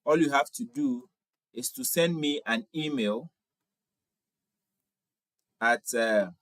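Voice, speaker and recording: This livestream host, a Ghanaian man in his twenties, takes his time reading viewer comments aloud and responding kindly, often repeating himself. His voice sits in the mid-range with a slightly bright tone, and there's no room sound.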